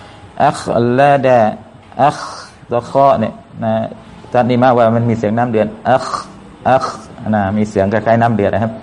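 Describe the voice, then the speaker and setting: Man teaching recitation, flat delivery. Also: lowish voice. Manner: patient, repeats sounds slowly to demonstrate. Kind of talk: tajweed lesson with slow chanted recitation.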